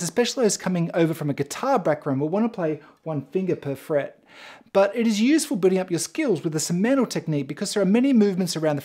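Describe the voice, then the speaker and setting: Lively, mellow-voiced woman teaching bass. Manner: clear, encouraging step-by-step explaining. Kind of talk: instrument tutorial.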